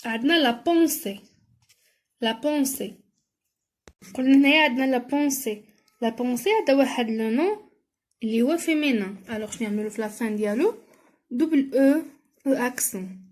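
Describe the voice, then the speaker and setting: A woman with a Moroccan accent, explaining a French lesson and reading sentences slowly and carefully, as in a dictation. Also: a little high, animated. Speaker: teacher.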